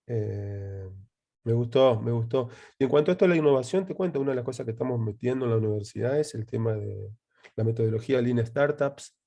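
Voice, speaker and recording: A man's voice: medium pitch, vocal fry, dark tone, husky. An Argentine man, a university lecturer hosting an interview, agreeable and emphatic as he talks. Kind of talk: casual conversation.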